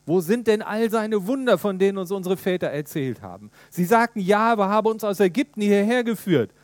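A man's voice: high voice, expressive, moderate pace, no room sound, voice pushed up. A man reading out the lines of a despairing young man who doubts and protests, in a raised, strained, pleading voice.

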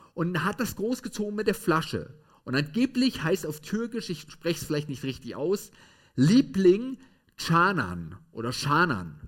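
Male preacher, slightly high voice, tells a sermon story and checks in with listeners. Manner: storytelling with shifting emphasis, frequent "ne?" and "ja?" tags. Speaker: pastor.

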